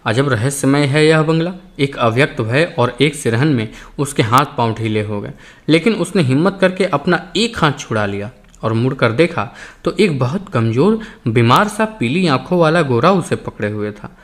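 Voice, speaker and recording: A man narrating a novel as an audiobook in a measured, expressive reading. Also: medium pitch. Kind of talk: scripted narration.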